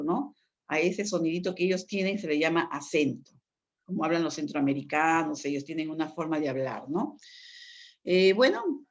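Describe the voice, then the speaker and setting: Lecturing woman. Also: fairly low pitch. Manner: explanatory, frequent tag questions. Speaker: teacher. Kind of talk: online lecture. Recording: dull lo-fi sound.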